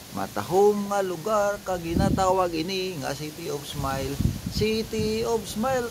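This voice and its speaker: Slow Ilonggo Filipino man, high-pitched voice. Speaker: vlogger. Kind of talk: casual vlog, rambling and repetitive. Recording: clearly noisy amateur recording.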